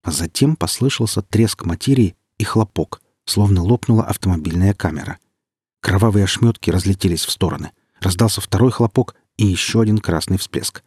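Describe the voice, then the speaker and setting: A man with a husky voice reading an audiobook in a measured way, lightly acting out the dialogue. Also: sits low, darkish tone, no room sound, studio quality. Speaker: audiobook narrator. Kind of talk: audiobook narration.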